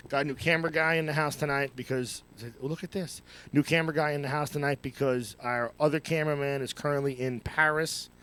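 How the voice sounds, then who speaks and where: A man hosting a live podcast from an office, joking loudly and cursing often. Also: fairly high pitch, fairly even intonation, a little fast, few pauses, slight background noise. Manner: loud, joking, profane. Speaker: podcast host. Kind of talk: casual live podcast chat. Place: office studio. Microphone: headphones and studio mic.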